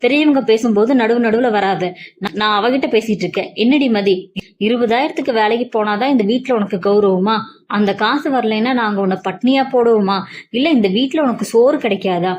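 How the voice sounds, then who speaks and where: A woman voicing a sharp-tongued older mother-in-law who taunts and scolds in a story reading. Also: a little high, brisk, dull audio, lightly acted. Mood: scornful.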